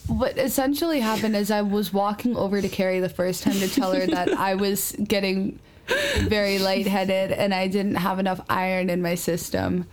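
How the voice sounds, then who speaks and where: A woman's voice: medium pitch, fairly even intonation, normal speed, a little hiss or hum. Laughing young woman telling a mishap. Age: young adult. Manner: laughing, self-mocking storytelling. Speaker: podcast co-host. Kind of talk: casual chat.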